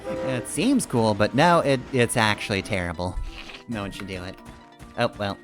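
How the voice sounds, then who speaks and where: A man on the low side delivers sing-song commentary at a normal pace as he plays a video game. It's casual and rambling, his thoughts spoken aloud, with game music in the background.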